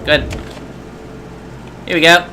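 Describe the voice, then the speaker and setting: A man's voice: takes it slowly, sharp tone, slight background noise, rough recording. A man doing casual playthrough commentary, muttering to himself and reading the game's text aloud. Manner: muttering asides to himself while thinking.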